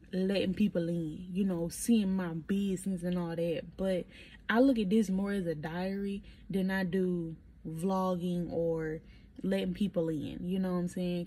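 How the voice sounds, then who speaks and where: Young woman, vlogger, casual diary talk, mellow voice, husky, animated storytelling, phone mic. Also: fairly low pitch. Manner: animated storytelling, emphatic and encouraging.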